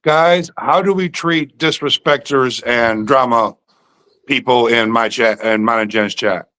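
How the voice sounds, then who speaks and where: A man's voice: mid-range voice, a little slow, pushed and bright. Easygoing man in his fifties. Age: 50s. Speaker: livestream host. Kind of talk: casual chat.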